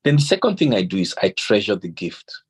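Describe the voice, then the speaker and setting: Nigerian guy telling stories at a parenting talk, low husky voice, pitch jumps all over. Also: fairly quick. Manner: animated storyteller acting out quoted dialogue. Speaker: speaker on parenting. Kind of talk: storytelling talk with scripture.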